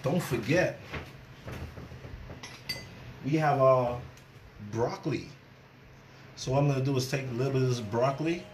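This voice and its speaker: A chef and cooking show host leads a casual cooking demo, chatting away and repeating phrases for emphasis. He speaks a little slowly in a mid-range voice, pausing often, while light background noise hums behind him.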